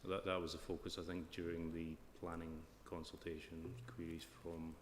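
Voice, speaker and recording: A man's voice: deep voice, flat delivery, moderate pace. A man with a broad Scottish accent answering formally as an expert witness at an inquiry. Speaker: flood risk and drainage consultant giving evidence. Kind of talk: formal question-and-answer evidence at a planning inquiry. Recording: echoey hall with clear background noise.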